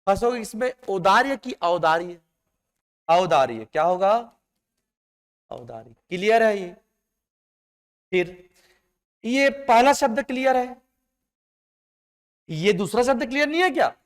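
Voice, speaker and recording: A man teaching a class in a classroom, stretching out the words he stresses and calling his students "beta". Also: very high-pitched. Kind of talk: classroom lecture. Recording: long hall reverb.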